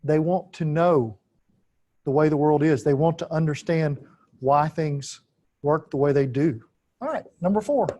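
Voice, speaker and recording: Halting, deliberate male philosophy lecturer. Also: on the high side, dark tone, highs cut off. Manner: deliberate, halting with frequent "uh" fillers, repeats key phrases for emphasis. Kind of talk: unscripted lecture.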